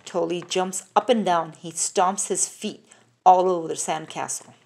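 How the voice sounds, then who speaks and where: Woman reading a kids' picture book real slow, lowish voice, phone close up. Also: steady tone, creaky, a little hiss or hum. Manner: slow, careful, sing-song with questions to the child. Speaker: reader. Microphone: phone filming the book up close.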